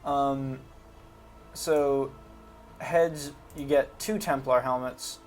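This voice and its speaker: Very slow and fairly even in intonation, a mid-range male voice provides unscripted video game commentary. The gaming host speaks informally and haltingly while he thinks aloud.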